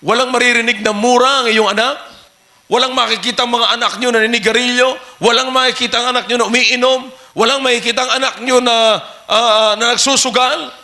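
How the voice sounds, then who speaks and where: A male pastor with a Filipino accent preaching an animated sermon, mixing Filipino and English and rising to shouts. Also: very high-pitched, brisk.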